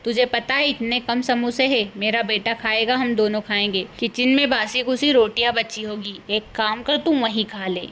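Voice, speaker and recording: A woman's voice: fairly high pitch, fairly even intonation, normal speed, few pauses, fairly bright tone, slight background noise, lightly acted. A woman voicing a scolding, greedy older village mother-in-law in a cartoon, bossy and scornful. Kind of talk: cartoon voice acting.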